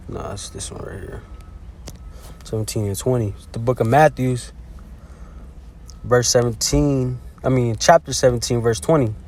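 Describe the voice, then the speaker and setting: A lay preacher gives a casual scripture teaching, sprinkling in "man" and "hey" as he goes. He often stumbles and starts over, and reads verses slowly and haltingly. His voice is medium-pitched, steady, and somewhat dark.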